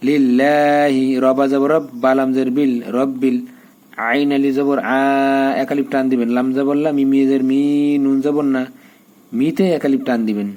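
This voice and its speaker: A man teaching the spelling of the Quran, drilling letters and vowel marks and then chanting each verse slowly. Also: mid-range voice, fairly even intonation, darkish tone. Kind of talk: spelling lesson in Quran recitation.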